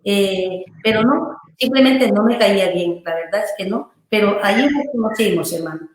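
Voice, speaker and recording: A woman's voice: medium pitch, moderate pace, slight background noise. A woman pastor from Honduras, telling her personal testimony in an interview, earnestly and loosely, often checking in with her listener. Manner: earnest, loose storytelling with frequent "¿verdad?" and "hermano" tags. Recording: very echoey room.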